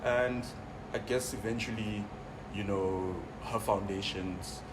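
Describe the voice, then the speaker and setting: Low-voiced young South African man, off-mic. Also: takes it slowly. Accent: South African English. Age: 20s. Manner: relaxed, many fillers like you know. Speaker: interview guest. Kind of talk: casual interview. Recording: distant mic, noisy room.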